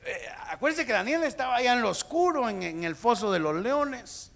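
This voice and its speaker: Man, pastor, sermon, high voice, shouted peaks, addresses congregation. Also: expressive, normal speed, vocal fry. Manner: preaching with sudden shouted peaks.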